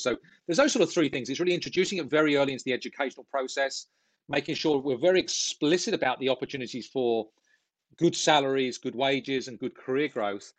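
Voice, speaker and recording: A man's voice: mid-range voice, no room sound. Earnest British-born man, dry sound. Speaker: guest. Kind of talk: business interview.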